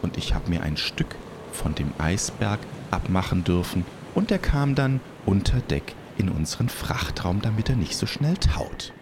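A man's voice: low voice, unhurried, few pauses, background noise. A man telling a children's story as a pirate captain in first person, theatrical, dropping to whispers and rising to calls. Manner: animated, theatrical, swinging between whispers and calls.

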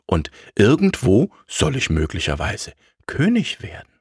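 A plucky little tailor from a storybook, as a male narrator voices him, friendly and curious, his pitch bouncing up and down. The voice is husky and dry, close to the mic. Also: huge pitch swings, a little slow, no room sound, exaggerated voice. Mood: cheerful.

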